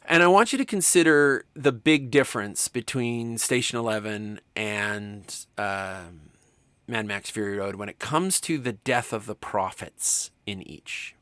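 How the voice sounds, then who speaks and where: A man lecturing on film to students, enthusiastic and emphatic, swinging from quiet remarks to loud excitement. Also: on the low side, measured pace, no echo. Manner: enthusiastic, talks to students directly. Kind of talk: recorded lecture.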